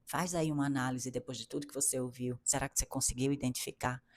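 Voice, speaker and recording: A woman's voice: rumbling low, steady tone, fast. A middle-aged woman with a Brazilian Portuguese accent giving an earnest, emphatic motivational talk to women, repeating phrases and restarting often. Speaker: coach for women.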